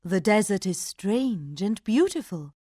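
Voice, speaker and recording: A woman doing a gentle young hero. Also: mid-range voice, sing-song, measured pace, no room sound, clean studio sound. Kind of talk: storybook read-aloud.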